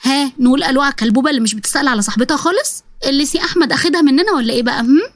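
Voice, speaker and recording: A woman's voice: high voice, racing, dry recording, close to an everyday voice. A woman voicing a playful, teasing young female friend with an Egyptian accent. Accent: Egyptian Arabic.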